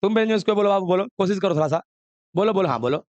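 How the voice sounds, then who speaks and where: Male chemistry teacher, high voice, dry close sound, classroom lesson. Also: lively intonation, very fast, a little mellow, no room sound, muffled recording. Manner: coaxing, scolding, mixes Hindi with English.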